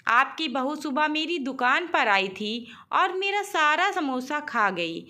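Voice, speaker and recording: A woman voicing a male street samosa seller in a storybook tale, brisk and insistent. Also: sits high, very animated, bright, forceful tone, full character voice. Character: grown man, street samosa seller, pushy.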